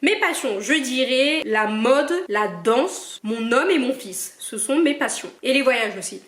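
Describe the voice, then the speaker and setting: Playfully teasing her viewers, a young woman from Cameroon fields their questions in a relaxed vlog. She speaks at a measured pace with a high, expressive voice, and the room echoes.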